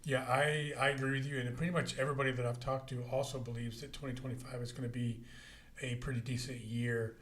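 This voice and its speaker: A man's voice: mid-range voice, little pitch movement, quick pace, a bit bright. Folksy middle-aged male podcast host. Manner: folksy, rambling with fillers. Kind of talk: casual podcast interview.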